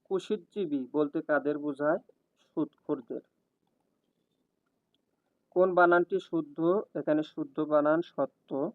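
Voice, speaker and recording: A man's voice: fairly high pitch, slow pace, pauses often, no echo. Man reading exam questions over a tinny line. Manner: reads each question then its answer in an even, steady cadence. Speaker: exam prep tutor. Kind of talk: scripted question-and-answer reading. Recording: tinny, dry, phone-like sound.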